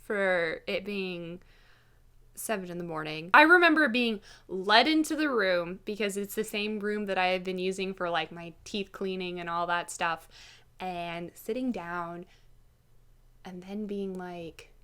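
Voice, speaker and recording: A woman telling a personal story in a casual vlog style, with an animated manner that slips into acting out dialogue. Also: mid-range voice, measured pace, clean tone. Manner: animated, acts out quoted dialogue. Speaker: vlogger.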